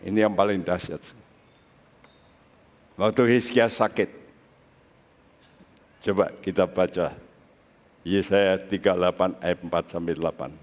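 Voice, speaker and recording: A man's voice: sits low, steady tone, a little slow, pauses often, long reverb tail. A man preaching a sermon as pastor, talking in a conversational way and speaking straight to his congregation. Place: church sanctuary.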